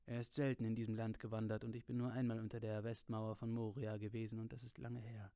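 A man reading aloud voices an old, wise male wizard, speaking in a measured, calm, slightly lowered voice. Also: clear, resonant tone, no echo, clean studio sound, close to an everyday voice. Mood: grave.

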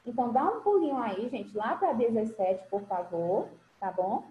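A primary school English teacher works with young children over a video call, her voice on the high side and expressive at a moderate pace. She is patient and affectionate, often calling them "my love" and checking everyone is following. The audio is narrow and tinny, roomy, with faint ambience.

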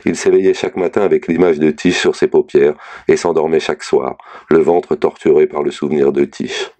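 A man narrating a novel aloud in a slow, measured, reflective reading. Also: rumbling low, level tone, warm tone. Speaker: reader of a novel. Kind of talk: literary audiobook reading.

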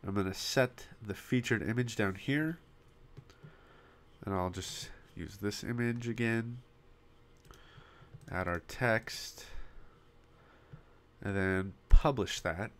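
With a lowish, slightly bright voice that is giving out, a web design tutorial host narrates a casual screen-recorded walkthrough of building a website step by step. He pauses often and sometimes coughs into his popping desktop mic, and slight background noise can be heard.

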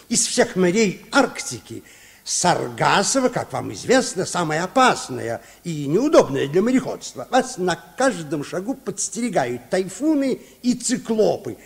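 A boastful, aged baron in a vintage radio play. The voice sits high and swings widely, grandiose and theatrically aggrieved. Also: male voice, vocal fry, full character voice. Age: older. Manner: grandiose, mock-aggrieved, exaggerating. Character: Baron Munchausen, boastful, theatrical old tall-tale teller. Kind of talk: Soviet radio play acting.

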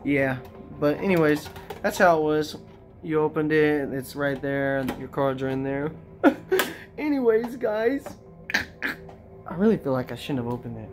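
A casual vlogger opening trading card packs, talking to viewers directly in an excitable, slangy way. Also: medium pitch, moderate pace, over music. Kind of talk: casual unboxing chat.

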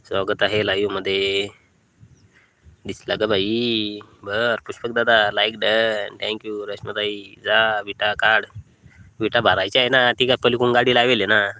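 A man's voice: fairly low pitch, sharp tone. A young man, chatting casually on a phone live stream from a brick kiln and greeting viewers by name. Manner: easygoing, greets viewers by name, repeats phrases. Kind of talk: casual live-stream chat reading comments.

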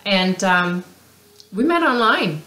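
Lady cohost just chatting, relaxed, mid voice, echoey room. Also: medium pitch, slow. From Denmark. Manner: relaxed, chatty storytelling with fillers. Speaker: podcast co-host. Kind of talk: casual podcast chat. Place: home craft room, seated with co-host. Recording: roomy echo.

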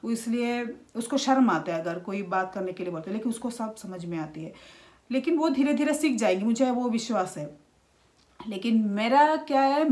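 A woman, talking casually to camera in a halting way with many restarts. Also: fairly high pitch, darkish tone. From India. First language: Malayalam. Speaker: vlogger.

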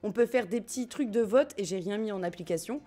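A woman's voice: medium pitch, fairly quick, dark tone. A French woman live-streaming a game, chatting casually and giggling with her viewers. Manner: chatty, giggly, swears casually, talks to chat. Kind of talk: casual live-stream chat while gaming. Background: game music.

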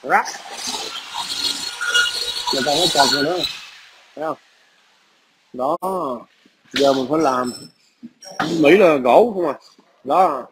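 A man's voice: on the high side, slow, pauses often, heavy background noise. A man, ranting aggressively and profanely into a phone camera at his workplace. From Vietnam. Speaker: vlogger. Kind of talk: angry ranting video message.

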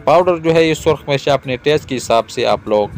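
A man in his thirties from Pakistan, hosting a cooking video and calmly explaining each step to viewers outdoors. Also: a little high, a little fast, faint music behind. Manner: calm, repetitive explaining, addresses viewers directly. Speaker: cooking channel host. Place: outdoors in a garden yard.

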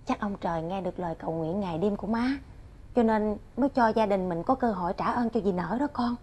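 A woman's voice: mid-range voice, fast, darkish tone, close to an everyday voice. An actress playing an earnest, grateful middle-aged mother with a southern Vietnamese accent in a television drama. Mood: earnest pleading.

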